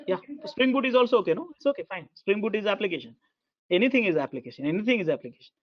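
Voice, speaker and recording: A man teaching an online class over a video call, halting and repetitive with many fillers, heard through low sample rate audio. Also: lively intonation, highs cut off. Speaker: instructor.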